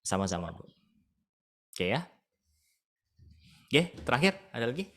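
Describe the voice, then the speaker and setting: A man's voice: mid-range voice, very animated, unhurried, fairly bright tone. A man leading an online discipleship class, teaching casually and emphatically, with rhetorical questions.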